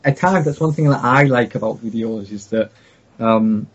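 Husky, rambling north-east English man. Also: medium pitch, moderate pace, dull audio. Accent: north-east English, Teesside. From north-east England, Teesside area. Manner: rambling, hesitant, often breaking off mid-sentence. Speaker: gaming video creator, interview guest. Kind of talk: casual chat.

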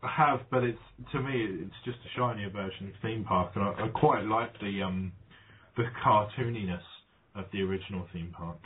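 A podcast guest with a fairly low voice chats casually at a moderate pace, reminiscing in a rambling way full of ums and restarts. The line sounds tinny and phone-like, with faint noise.

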